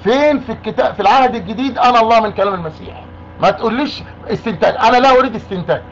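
A man's voice: high voice, very fast. Insistent Egyptian man on a lo-fi call. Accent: Egyptian Arabic. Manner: insistent, repeats demands. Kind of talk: argumentative phone call. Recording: muffled lo-fi call with faint noise.

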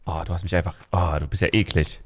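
A man's voice: low-pitched, steady tone, fast talker, heavy background noise. A man hosting a horror game let's play. He jokes around and yelps when something startles him. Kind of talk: casual gaming commentary.

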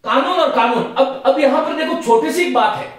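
Recorded in a very echoey room, a middle-aged man speaks at a moderate pace in a very high-pitched voice while teaching Hindi grammar for exams. He earnestly appeals to his students and repeats words carefully to show how they're pronounced.

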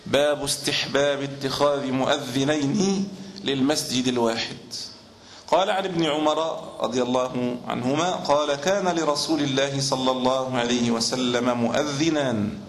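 Man teaching in an echoey room. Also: mid-range voice. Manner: measured explanation, sometimes chants the call to prayer to demonstrate. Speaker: Islamic teacher. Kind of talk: religious lesson explaining hadith. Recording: echoey room with faint ambient noise.

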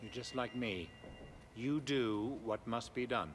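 Male actor voicing a cold scheming game cop boss, calm and measured, very slow delivery. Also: medium pitch, a little hiss or hum, lightly acted. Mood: cold, persuasive. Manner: calm, measured, quietly persuasive. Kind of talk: video game cutscene dialogue.

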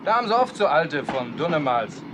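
Male know-it-all private, bossy, fairly high voice, noisy old film soundtrack. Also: big pitch swings, brisk. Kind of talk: period military film acting. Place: inside a train compartment.

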